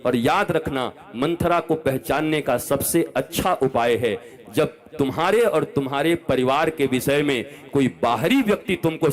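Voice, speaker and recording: A man in his fifties giving an impassioned religious discourse as a spiritual preacher, scolding and swinging between loud outbursts and soft asides to a large gathering. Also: medium pitch. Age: 50s.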